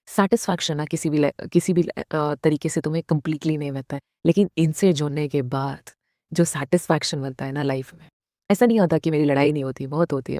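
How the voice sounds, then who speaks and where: Her voice sits low with a dark tone: a vlogger in her thirties earnestly motivating her viewers while mixing Hindi and English. She talks to them head-on and asks them things. The sound is clean studio audio with no room sound.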